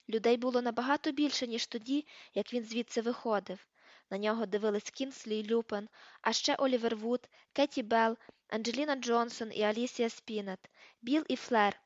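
Reading an audiobook aloud, a female narrator speaks at normal speed with a fairly high pitch and fairly even intonation, voicing page numbers and shifting her delivery for each character. There's no echo, and the recording is dry, dull and lo-fi.

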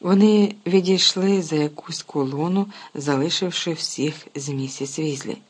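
A reader narrating a storybook in a steady, even way with a husky voice. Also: mid-range voice, measured pace. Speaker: audiobook narrator.

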